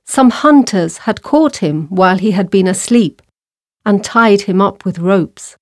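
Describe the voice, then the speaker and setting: Slow, clear woman reading a story. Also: mid-range voice, lively intonation, no echo, studio quality. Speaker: narrator. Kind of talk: reading a story for a language exercise.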